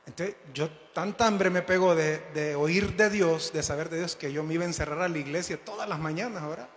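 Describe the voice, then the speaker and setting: A male preacher tells stories dramatically from the pulpit, his voice a little higher than most men's. He swells and then drops back to build suspense. The sound rings with the long reverb of a large church hall. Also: fairly quick, slight background noise. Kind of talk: storytelling sermon. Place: church sanctuary.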